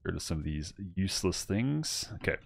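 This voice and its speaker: Low-voiced, lively man gaming. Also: moderate pace, creaky, a little hiss or hum. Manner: playful, mock-grumpy, lots of laughs. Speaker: gaming channel host. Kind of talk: casual co-op gameplay chat.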